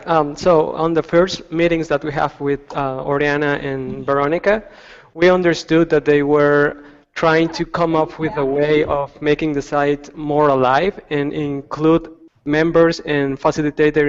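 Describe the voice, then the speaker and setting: A man explains design research in a halting way, often restarting his words. His voice sits a little high. The recording is dull and lo-fi with a long reverb behind him. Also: fairly even intonation, smooth. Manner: halting, many restarts and fillers. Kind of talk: presentation on a video call.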